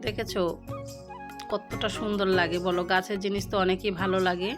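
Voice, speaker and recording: A middle-aged woman vlogging about her day at home, talking slowly and haltingly with pauses while she has a headache, filmed on a phone set down nearby. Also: mid-range voice, little pitch movement, over music. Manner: slow, halting talk with pauses. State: unwell with a headache. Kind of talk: casual daily-life vlog. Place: home kitchen and village shop.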